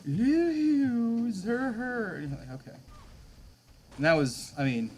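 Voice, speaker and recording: A man's voice: medium pitch, slight background noise. A man in his thirties, a game streamer, chatting casually with his viewers late at night, chuckling often as he answers chat.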